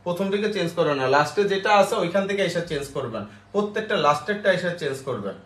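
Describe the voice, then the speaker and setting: A man teaching an online English grammar class, spelling words out slowly and checking with the class after each step. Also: on the high side, expressive, a bit bright. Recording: roomy echo.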